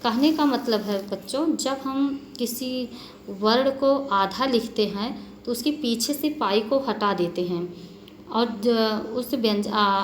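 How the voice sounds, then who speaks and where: A woman's voice: on the high side, a little hiss or hum. A woman teacher patiently explaining a grammar lesson to children, spelling out letters and repeating points. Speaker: school teacher.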